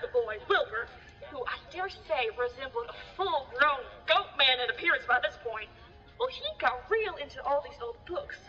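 A woman plays an uneasy, gossipy farm neighbor from rural New England in a radio drama, telling ominous folksy stories in a high, forceful voice. The mood is hushed and grave. The audio is muffled and dull, echoing through a long hall-like reverb with music underneath.

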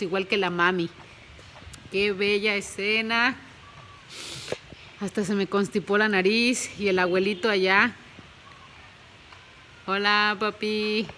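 Woman home vlogger, leisurely pace, bright tone, doting chatter with English words mixed in. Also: mid-range voice, a little hiss or hum, low-quality recording. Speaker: family vlogger. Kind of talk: casual home vlog narration. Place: at home beside a birthing dog.

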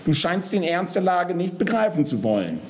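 A man's voice: mid-range voice, lively intonation, normal speed, mellow, pitched above the performer's own voice, natural voice. A man voicing Death as a cold, menacing old man who hisses his threats in a storybook reading. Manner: hissing, threatening, sneering.

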